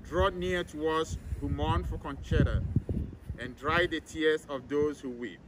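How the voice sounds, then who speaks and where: A man leading a solemn graveside prayer as a priest, reciting in a measured, formal way outdoors. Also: fairly high pitch, fairly even intonation. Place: outdoors in an open cemetery. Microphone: camera several meters away, speaker masked. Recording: outdoor recording with clear background noise.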